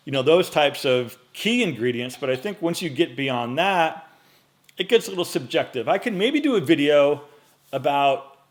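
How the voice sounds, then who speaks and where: A man in his late forties talks through viewer questions in a relaxed, conversational way, with a middling pitch and lots of fillers and false starts. He sounds close to a microphone set up in front of him in a small home studio. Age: 40s. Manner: relaxed, chatty, with many fillers and restarts. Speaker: men's style YouTuber. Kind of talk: casual Q&A vlog.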